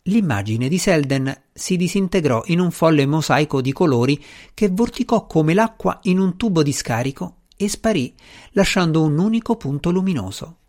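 Male audiobook narrator, steady reading. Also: on the high side, normal speed. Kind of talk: scripted narration.

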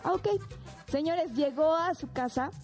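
A woman's voice: sits high, a little slow, darkish tone, faint music behind. A young Mexican woman telling a dramatic personal story in a casual podcast chat, addressing listeners directly. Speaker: podcast co-host.

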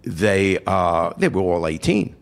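A man's voice: sits low, slow pace, vocal fry. An older man from New York, hosting and telling a long personal story with quoted voices. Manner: animated anecdote with quoted voices. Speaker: host.

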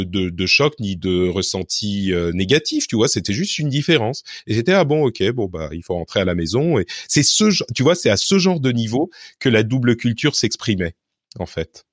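A man being interviewed, reflecting on his upbringing in a relaxed, digressive way and often correcting himself mid-sentence. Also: on the low side, moderate pace, no room sound, studio quality. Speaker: interview guest.

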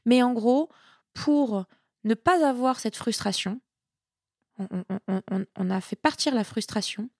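A woman speaking as a sports nutritionist guest in a casual interview. She is chatty and lively and often repeats words while she thinks. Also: fairly high pitch, unhurried, creaky, dry recording, studio quality. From Italian heritage.

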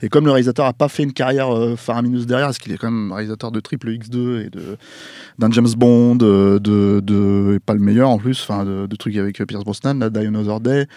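A man on a panel talking casually about a film he loves, rambling and halting, often correcting himself. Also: lowish voice, steady tone, warm tone, no echo, studio quality. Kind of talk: casual film recommendation chat.

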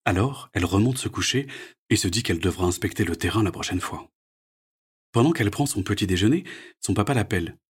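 A man reads a children's storybook aloud with soft, expressive storytelling. His voice sits fairly low and is breathy and husky. It rises and falls in a lively, animated way. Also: fairly quick. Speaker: narrator.

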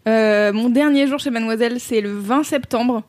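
A woman hosts a chatty podcast. She is animated and slangy, often quoting imagined lines. The sound is close and dry. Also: on the high side, normal speed, no room sound. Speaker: podcast host. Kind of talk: casual, chatty podcast talk.

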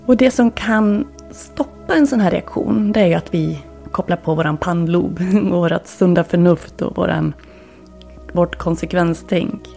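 A woman hosting a wellness podcast, talking in a calm, reflective, instructive way that sometimes drops to near-whispers. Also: on the low side, creaky, faint music behind. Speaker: podcast host and wellness coach.

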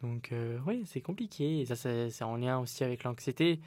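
A man's voice: medium pitch, lively intonation, normal speed, a little mellow, no room sound, studio quality. A young man hosting his own solo podcast, talking candidly and rambling with frequent restarts. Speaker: podcast host.

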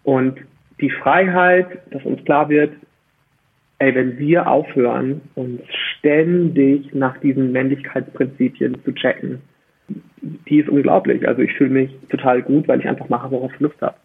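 This podcast guest has a husky, mid-range voice with vocal fry, fairly even intonation and a moderate pace. In a conversational interview he explains his opinions emphatically and articulately, asking rhetorical questions, all over a muffled, phone-like, band-limited line.

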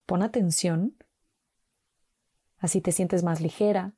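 Calm, low-voiced woman guiding mindfulness. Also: slightly rough, no echo, clean studio sound. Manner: slow, calm, gentle instructions with pauses. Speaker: meditation guide. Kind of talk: guided mindfulness walk.

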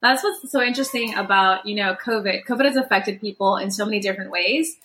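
A woman's voice: medium pitch, quick pace, fairly bright tone, slight background noise. A woman host and coach with Caribbean roots, chatting in a friendly interview style with many backchannels. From Dominican Republic family, Caribbean. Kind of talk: casual interview.

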